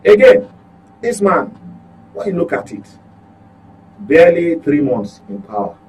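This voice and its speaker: This journalist's pitch sits on the high side and swoops wildly, his darkish voice unhurried as he delivers political commentary on a talk show in a Nigerian accent. Emphatic, he often repeats and corrects what he says. The recording carries a clearly noisy electrical hum.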